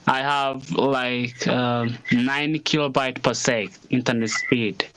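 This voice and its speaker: A man's voice: medium pitch, little pitch movement, takes it slowly, a bit bright, rough recording. A man from Rwanda joining an online call through a wireless earbuds mic, giving short, plain replies. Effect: voice over wireless earbuds mic on an online call. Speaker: scholarship recipient joining the call. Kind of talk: casual call chat.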